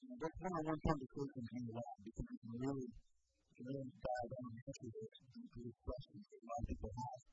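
A man's voice: medium pitch, wildly swooping pitch, brisk, over loud music. A man in his forties giving a rambling, appreciative public comment at a meeting. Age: 40s. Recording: dull lo-fi meeting recording.

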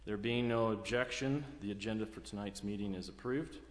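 Low-voiced American man chairing in an echoey room. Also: brisk. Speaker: meeting chairman. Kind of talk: formal public meeting procedure. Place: large echoey indoor meeting room. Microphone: meeting microphone. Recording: echoey meeting room, clear background noise.

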